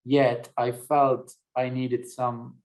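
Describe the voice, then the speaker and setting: Gravelly-voiced man from Turkey. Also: medium pitch, flat delivery, extremely slow, a little mellow, low-quality recording. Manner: reflective, thinking aloud with frequent fillers. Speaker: panelist. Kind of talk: webinar discussion.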